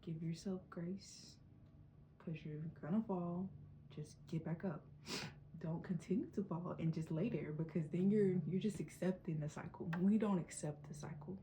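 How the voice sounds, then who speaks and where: A woman's voice: on the low side, steady tone, moderate pace, warm tone, a little hiss or hum, low-quality recording. A young woman giving a casual, encouraging pep talk in a vlog, with a runny nose. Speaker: vlogger.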